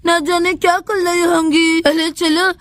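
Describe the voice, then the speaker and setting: A woman's voice: extremely high pitch, level tone, a little slow, fairly bright tone, no room sound, heavily acted. A woman voicing a gloating young schoolgirl doll in a storybook, talking in a mocking, gossipy way.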